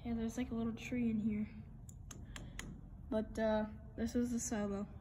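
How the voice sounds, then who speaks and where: A woman chatting casually while filming a walk through overgrown grounds and derelict buildings on a handheld phone, now and then dropping into hushed asides. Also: on the high side, little pitch movement, moderate pace, a little hiss or hum. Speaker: vlogger exploring an abandoned farm. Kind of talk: casual handheld exploration vlog. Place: outdoors in an overgrown rural yard and derelict buildings. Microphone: phone camera held by the speaker.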